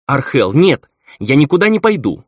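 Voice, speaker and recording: A man's voice: medium pitch, very animated, a little fast, dry recording, pitched above the performer's own voice. A man reading an audiobook, voicing a timid young male angel who pleads on the verge of tears. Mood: pleading. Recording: dull lo-fi audio.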